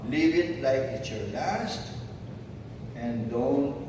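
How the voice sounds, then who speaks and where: A man in his seventies with a Filipino accent, a former teacher giving slow, reflective, fatherly advice to his old students at a reunion. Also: medium pitch. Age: 70s. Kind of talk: heartfelt speech to former students. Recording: echoey hall from far off, noisy.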